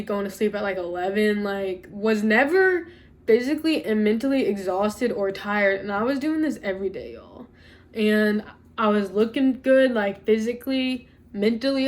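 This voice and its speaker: Earnest, chatty young woman vlogging. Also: mid-range voice. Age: young adult. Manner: chatty and earnest, addresses viewers as y'all, lots of "like". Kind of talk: casual faith vlog, talking to camera.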